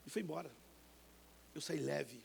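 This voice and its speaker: A Brazilian man in his fifties preaches in a church, his voice pitched high with a rough, gravelly edge. He tells his own story animatedly and calls his listeners brother, with a faint hiss of noise behind him. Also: moderate pace. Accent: Brazilian Portuguese. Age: 50s. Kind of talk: sermon testimony. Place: church sanctuary.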